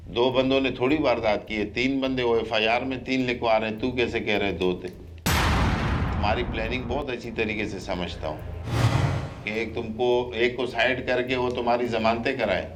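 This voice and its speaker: A man's voice: medium pitch, fairly even intonation, normal speed, loud music behind the voice. A man with a Pakistani Urdu accent, hosting a crime show and sternly questioning suspects, pressing and scolding them. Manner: scolding, pressing, rises sharply when angry. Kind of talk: stern interrogation.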